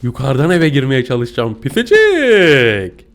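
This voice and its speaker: A young man giving playful, excitable gameplay commentary, often giggling and squealing at the screen. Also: medium pitch, measured pace. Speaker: gaming YouTuber.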